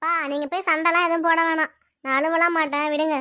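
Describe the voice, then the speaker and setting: A woman voicing a tearful, resigned young adult daughter in a cartoon, speaking in Tirunelveli Tamil with sad, pleading, quick talk. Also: very high-pitched, level tone, sharp tone, dry recording, studio quality. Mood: upset. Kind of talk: cartoon dialogue.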